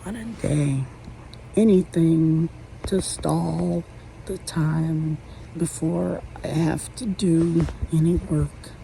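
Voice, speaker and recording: A woman in her late forties talking at home from her bed in a halting, rambling vlog monologue full of restarts. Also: sits low, fairly even intonation, creaky, warm tone, a little hiss or hum, low-quality recording. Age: 40s. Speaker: vlogger.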